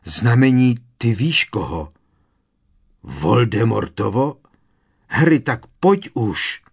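A man's voice: lowish voice, sing-song, husky, no echo, studio quality, exaggerated voice. A man voicing a frightened teenage girl witch, urging her friend to run in a storybook reading. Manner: urgent, pleading.

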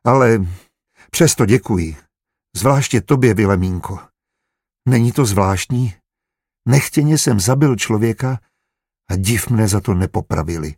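A man's voice: lowish voice, expressive, pauses often, darkish tone, husky, dry recording, clean studio sound. A man reading aloud voices a weary, shaken young man in a storybook. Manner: plaintive, heartfelt.

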